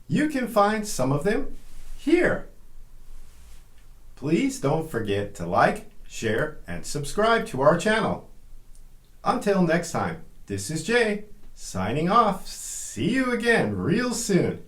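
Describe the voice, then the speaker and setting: A man with an American accent teaching English pronunciation, enunciating deliberately as in a scripted phonics drill. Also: on the high side, echoey room. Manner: deliberate, clearly enunciated delivery. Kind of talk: scripted phonics lesson with slow repeat-after-me word drills.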